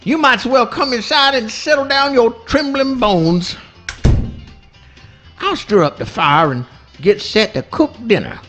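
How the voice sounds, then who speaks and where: Radio comedy possum: rustic speech, plaintive, gentle-tempered, extremely high pitch, lively swoops. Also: male voice, unhurried, soft background music, full character voice. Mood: folksy, puzzled. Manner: folksy rustic dialect, plaintive. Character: good-natured, put-upon little male swamp possum. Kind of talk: live comic radio play reading.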